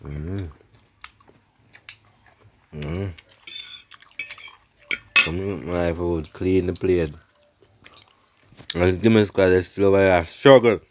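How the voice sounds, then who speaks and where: A middle-aged man with a Jamaican accent talks in patois for his family's home vlog, filmed on a handheld phone out on a wooden veranda. He speaks slowly in a low, fairly even voice, pausing often and repeating phrases, with slight background noise.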